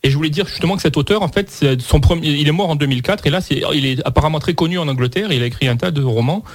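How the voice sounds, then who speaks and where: A man speaking as a columnist on a radio book show, talking casually and in a halting way with many restarts. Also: a little high, no room sound. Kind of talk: casual chat on air.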